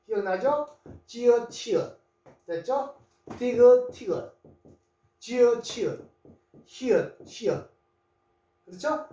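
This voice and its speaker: An English teacher walks through a spoken lesson, going over each point again and again. The voice swings widely in pitch. It sounds roomy and set back from the microphone. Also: a little mellow. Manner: repeats each point, often starts with "자" and checks in with questions. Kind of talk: spoken lesson writing Korean letters in English. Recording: roomy, voice distant from the mic.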